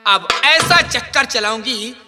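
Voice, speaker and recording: Man playing high-pitched wicked stepmother queen, echoing stage. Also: animated, heavily acted. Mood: sly, coaxing. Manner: wicked stepmother, gloating, drawn-out menacing delivery. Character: scheming wicked stepmother queen, seductive, cruel, ruthless. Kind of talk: Nautanki folk stage melodrama. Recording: echoey stage sound system, loud music.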